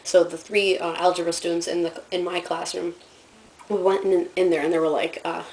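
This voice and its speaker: A teenage girl chats to her camera about her school days in a loose, rambling way, full of fillers and little giggles. Her voice sits a bit low for a girl her age. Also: little pitch movement, normal speed, a little mellow, low-quality recording. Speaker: student vlogger. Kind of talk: casual storytelling vlog.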